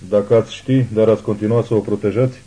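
A man voicing a zealous old woman who calls herself a prophet, speaking in a hushed but imperious way. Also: on the low side, fairly even intonation, lightly acted, low-quality recording.

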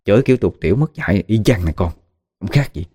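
A man's voice: lowish voice, animated, fast talker, dark tone, breathy edge, no echo, studio quality. A man with a Southern Vietnamese accent narrating a ghost story in a conversational way with dramatic asides. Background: faint music.

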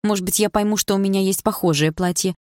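A woman voicing a stubborn, lively young girl who asks insistent, indignant questions. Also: mid-range voice, quick pace, no echo, studio quality, voice pushed up, close to an everyday voice. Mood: fussy insistent.

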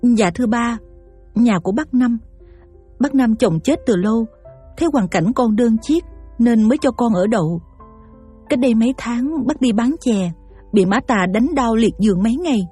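Actress as poor young mother, Southern Vietnamese accent, mellow tone, polite, pleading, faint music. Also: on the high side, animated, moderate pace, breathy edge. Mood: humble.

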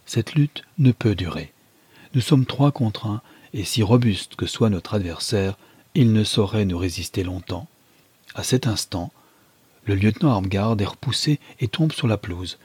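A man reading a novel aloud as a dramatic first-person narration, measured and gripping. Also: fairly low pitch, a little mellow, breathy edge, dry recording. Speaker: audiobook reader.

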